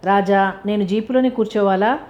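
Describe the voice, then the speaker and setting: A woman's voice: medium pitch, moderate pace, a little mellow, dull audio, natural voice. A woman voicing a brash, bossy young rich man who teases his friend. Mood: teasing.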